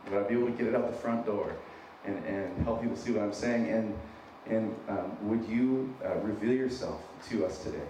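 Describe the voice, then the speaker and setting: Speaking fairly quickly with few pauses, a man with a lowish voice delivers an informal, heartfelt sermon, joking at his own expense and repeating phrases for weight. He's in his thirties, an American with a trace of Minnesota in his accent, born in San Diego and brought up in Wyoming. It's captured by a distant mic in a large, noisy, heavily echoing room before an audience.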